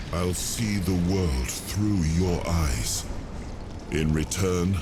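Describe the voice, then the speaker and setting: A low-voiced, noble spirit of a fallen king in a fantasy video game. He speaks slowly and solemnly, with weary, regal gravity. Clear noise sits behind the voice. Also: heavily acted. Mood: weakened. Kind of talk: dramatic video game acting.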